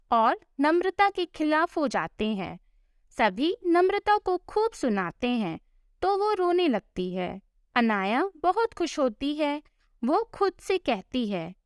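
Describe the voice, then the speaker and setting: A woman with a high, lively voice narrates a scripted family tale at an unhurried pace. The sound is close and dry, with no room around it. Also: no room sound. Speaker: storyteller.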